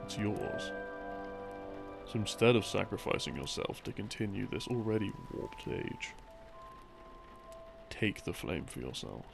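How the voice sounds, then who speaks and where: A man with a lowish, sing-song voice speaks at a measured pace, with vocal fry and long pauses. He's an audio creator playing a boyfriend who gives a rambling, intimate, casual rundown of game lore, with wry, hesitant asides, over soft game theme music.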